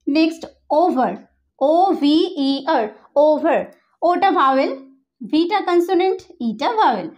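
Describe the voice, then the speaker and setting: High-voiced woman teaching pronunciation. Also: big pitch swings, normal speed. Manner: explains step by step, often checks understanding. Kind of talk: teaching a lesson.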